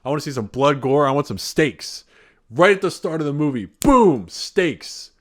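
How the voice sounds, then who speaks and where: A man's voice: fairly high pitch, animated, normal speed. Rambling, profane man reviewing a movie. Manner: rambling and profane, often sidetracked. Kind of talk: casual vlog review.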